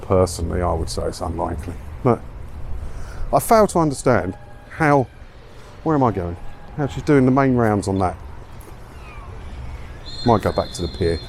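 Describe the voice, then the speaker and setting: An English man vlogs as he walks around a seaside town, chatting about news stories and asking plenty of rhetorical questions. His low, slightly mellow voice is animated with vocal fry, a moderate pace and long pauses, while traffic and street noise sound in the background.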